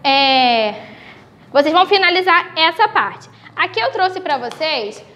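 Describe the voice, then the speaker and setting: A woman with a Brazilian Portuguese accent, teaching young children in a recorded video lesson, slowly stretching out the example words. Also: high voice, lively intonation, bright, forceful tone. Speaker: primary school teacher.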